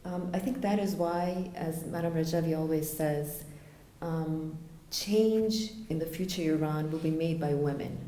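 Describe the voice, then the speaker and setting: A woman from Florida answering interview questions earnestly, with frequent fillers and pauses. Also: deep voice, warm tone, echoey room. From United States (Florida). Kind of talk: conversational interview.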